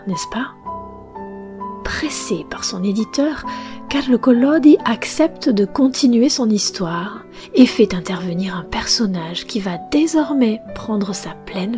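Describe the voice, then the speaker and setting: A woman narrating a tale and commenting on it, often in a soft whisper with measured delivery. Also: mid-range voice. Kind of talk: read-aloud narration with commentary.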